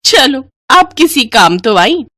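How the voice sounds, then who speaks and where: A woman's voice: high voice, big pitch swings, slow pace, pushed and bright, dry recording, clean studio sound, pitched above the performer's own voice, full character voice. A woman voicing a spoiled, rich young daughter-in-law in a cartoon story, with a chirpy, mocking tone.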